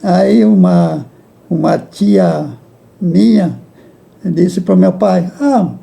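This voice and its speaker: An older man, talking as an interview guest. His voice is fairly high for a man, strongly gravelly and dark. He speaks haltingly, repeating words and chuckling as he remembers. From Rio Grande do Sul, Brazil. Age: 80s. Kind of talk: reminiscing in a casual interview.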